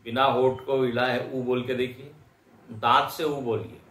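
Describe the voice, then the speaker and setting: A man teaches a lecture class at a slow, unhurried pace. He explains patiently and sounds out each syllable one by one. His voice rings in an echoey lecture hall. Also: mid-range voice, steady tone, a bit bright. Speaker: Vedanta teacher.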